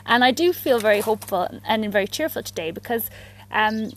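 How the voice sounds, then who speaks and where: A woman's voice: fairly high pitch, animated, fairly quick, a bit bright, slight background noise, rough recording. A woman with an Irish accent co-hosting a podcast, chatting casually and reading a poem aloud in a reflective way. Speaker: podcast co-host. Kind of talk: casual chat and poetry reading.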